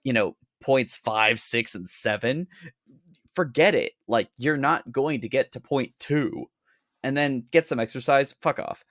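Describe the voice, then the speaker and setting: A man's voice: mid-range voice, measured pace, a bit bright, no room sound, studio quality. A man co-hosting a casual podcast, blunt and sarcastic, swearing freely. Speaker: podcast co-host.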